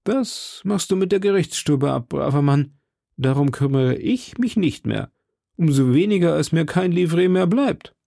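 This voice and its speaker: Man playing a hot-headed young swordsman, raised lively voice, gravelly, dark tone. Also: a little high, a little slow, no room sound, clean studio sound, pitched above the performer's own voice. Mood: commanding. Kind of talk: audiobook character voice.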